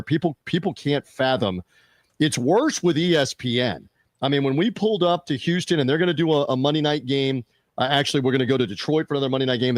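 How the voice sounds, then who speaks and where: A man's voice: mid-range voice, dry recording, clean studio sound. Man hosting a sports media podcast. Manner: conversational, fillers and restarts, reads out show plugs. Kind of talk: casual sports talk.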